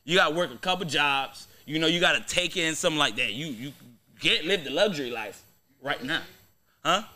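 A young adult American podcast host banters casually, with slang and profanity, pressing his arguments. He sounds a little high, expressive, pushed and bright at a fairly quick pace, recorded on a close boom-arm microphone in a small indoor studio.

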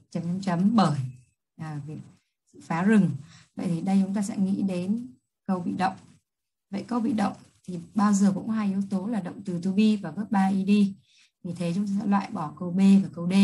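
Husky Vietnamese-accented woman teacher. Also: fairly low pitch, dark tone, low-quality recording. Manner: slow, careful reading of English prompts, then quick explanations in Vietnamese. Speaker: high school English teacher. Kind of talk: exam review lesson.

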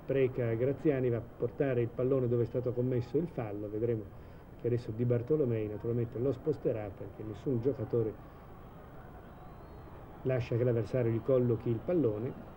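A man giving measured live football commentary in a 1980s TV broadcast style, hesitating now and then mid-sentence. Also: medium pitch. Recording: old TV broadcast, steady stadium noise.

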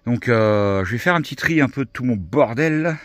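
A man from France vlogging in a relaxed, chatty way, full of fillers, filming with a handheld camera near his van. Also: medium pitch, fairly quick, dry recording, studio quality. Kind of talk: casual vlog chat.

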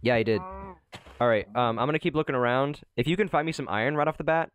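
Here a young guy runs a gaming channel, talking at a quick clip in a medium-pitched voice. It's loose, rambling commentary as he games with his friends, with frequent laughter.

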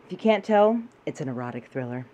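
A woman co-hosting a puppet comedy show in a deadpan manner. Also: extremely low pitch, fast, lo-fi sound. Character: blue goblin puppet. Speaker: co-host.

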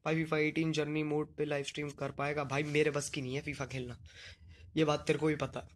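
A man's voice: a little high, level tone, a little fast, a little hiss or hum. A young man with a slight Punjabi accent, chatting casually and joking with viewers as he answers their comments on a live stream. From Delhi region, India. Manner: playful, joking banter.

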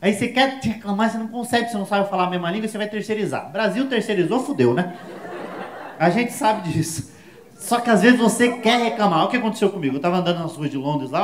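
High-voiced fast Brazilian comedian. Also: male voice, reverberant. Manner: animated, crude slang, shouted punchlines. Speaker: stand-up comedian. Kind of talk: stand-up comedy set. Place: comedy show stage before an audience.

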